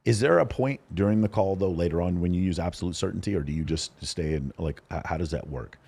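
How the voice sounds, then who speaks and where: Deep-voiced man talking fast, casual. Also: gravelly, a little mellow, breathy edge. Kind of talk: casual chat.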